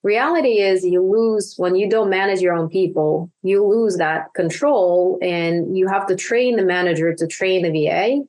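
A woman's voice: fairly low pitch, moderate pace, few pauses, darkish tone. A woman being interviewed on a podcast, chatting with lots of fillers and restarts. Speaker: guest, virtual assistant business owner.

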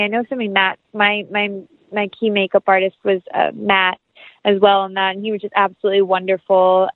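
Speaking as an interview guest, an actress and writer talks informally about her creative projects, gushing with enthusiasm. The medium-pitched voice has no echo but comes through with a thin, phone-like sound.

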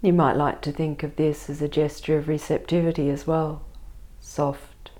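A woman leading a guided meditation and body scan in a soft, soothing, gentle voice, speaking in short, spaced phrases. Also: low voice, level tone, moderate pace.

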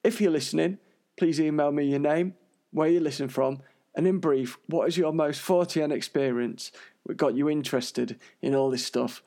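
A man's voice: fairly high pitch, moderate pace, dark tone. An unwell British man hosting a podcast in a chatty, earnest monologue, his breathing audibly wheezy. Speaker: podcast host.

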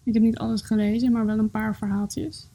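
A woman's voice: on the high side, flat delivery, a little fast, gravelly, warm tone. A woman chatting casually and hesitantly, with many fillers. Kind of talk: casual chat.

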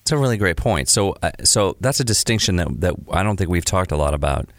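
A man's voice: deep voice, animated, fast, dry recording, studio quality. A man co-hosting a music podcast in casual chat, explaining points earnestly and agreeing often. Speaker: podcast co-host.

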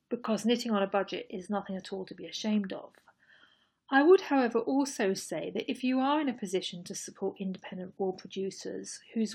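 A woman hosting a solo podcast, speaking in a measured, thoughtful and earnest way. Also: mid-range voice, vocal fry, breathy edge. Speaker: podcast host. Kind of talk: scripted solo podcast talk.

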